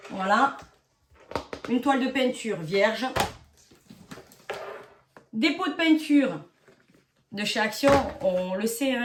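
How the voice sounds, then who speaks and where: A woman's voice: fairly high pitch, roomy sound, distant mic, a little hiss or hum. A young adult woman vlogging casually at home, joking and teasing the viewers as she shows a painting craft. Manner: playful, joking, self-mocking. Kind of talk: casual chatty vlog. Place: home bathroom workspace.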